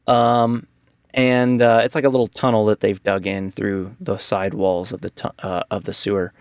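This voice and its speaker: A man's voice: on the low side, level tone, moderate pace, gravelly, no echo, clean studio sound. A man casually recapping a tabletop game session as game master, with lots of fillers and restarts. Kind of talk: casual podcast chat.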